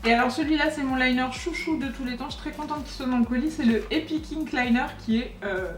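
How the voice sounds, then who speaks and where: A woman's voice: sits high, fast talker, distant mic. Chatty young woman, echoey room. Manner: chatty, lively, talks to the products. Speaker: beauty vlogger. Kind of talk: casual unboxing chat. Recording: echoey room, voice a bit off-mic, faint music.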